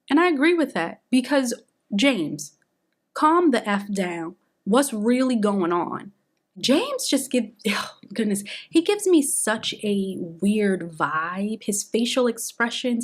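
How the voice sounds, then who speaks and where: Woman host, conversational recap voice, opinionated and chatty. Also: medium pitch. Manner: chatty, opinionated, animated retelling. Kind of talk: casual reality TV recap.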